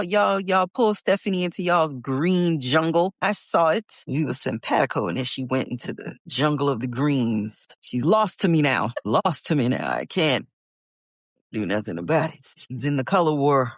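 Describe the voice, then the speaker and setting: A voice near fifty chats through a casual coloring lesson, joking with viewers and leaning hard on single words. The sound is close and dry, with no room around it. The pitch sits in the middle. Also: no echo. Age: late 40s. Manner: playful, chatty, jokes with the live chat. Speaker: coloring tutor on a live stream. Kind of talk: casual live marker-coloring tutorial.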